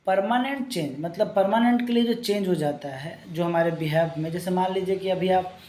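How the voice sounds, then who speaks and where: A slightly mellow, medium-pitched teacher reads English definitions slowly for exam preparation, then explains each in Hindi using everyday examples. The lecture wanders loosely, with frequent restarts.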